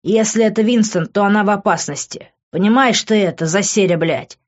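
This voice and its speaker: Woman narrator voicing a brash foul-mouthed young man, audiobook role, loud and coarse, dull lo-fi sound. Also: mid-range voice, brisk, lightly acted. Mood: mocking. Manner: coarse, yelling insults. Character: brash hot-tempered young man, crude-mouthed friend. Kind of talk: audiobook character reading.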